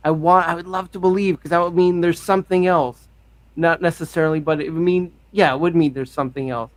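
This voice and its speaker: A man's voice: fairly high pitch, fairly even intonation, fairly quick, no room sound. A man hosting a casual chat, candid and self-deprecating as he muses aloud. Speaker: podcast host.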